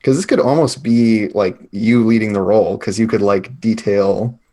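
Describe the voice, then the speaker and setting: A man's voice: fairly low pitch, normal speed, mellow. A man playing a tabletop game, casually improvising narration of his character's moves.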